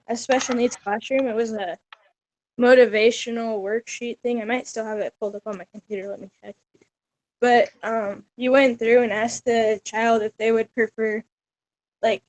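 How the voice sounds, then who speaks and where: Young female student, friendly and explanatory, somewhat high voice. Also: rough recording. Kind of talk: casual group discussion.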